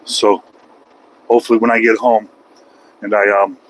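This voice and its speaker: A truck driver in his forties with an American accent vlogs from his cab at night, rambling and cracking jokes at his own expense. His voice is lowish, flat and a bit bright at a moderate pace, and the rough recording picks up faint road and engine noise.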